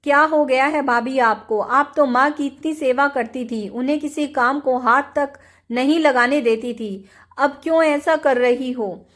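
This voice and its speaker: A woman's voice: high voice, unhurried, fairly bright tone. A woman voicing a remorseful young married daughter who pleads in a storybook reading. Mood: pleading.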